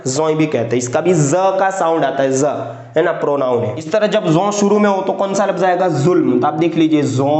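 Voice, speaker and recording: A man with a slightly high voice walks through a handwriting lesson one letter at a time. He talks patiently and keeps checking that the viewer follows along. The recording sounds roomy and echoey. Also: darkish tone. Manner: patient, repeats "theek hai" and "hai na" to check along. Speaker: Urdu writing teacher.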